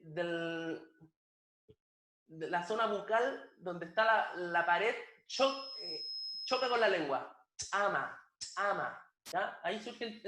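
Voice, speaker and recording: This language teacher works through his lesson at a slow, patient pace, saying every word several times over for students to imitate as he drills pronunciation. Fairly high for a man and fairly bright in tone, his voice rings in an echoey room.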